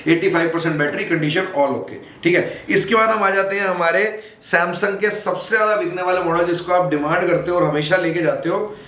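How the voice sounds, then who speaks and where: A young man with a Delhi Hindi accent selling phones in a small shop, calling out prices in brisk, repeated sales pitches. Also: a bit bright. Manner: brisk, repetitive price calls. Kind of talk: sales pitch showing products. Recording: echoey room, faint background noise.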